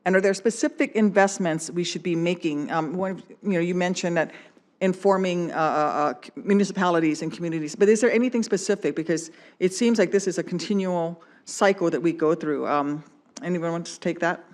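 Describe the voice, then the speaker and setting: A man with a high-pitched voice addresses a panel of witnesses as a senator. His question is formal and long-winded, winding through clauses with scattered fillers. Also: fairly quick.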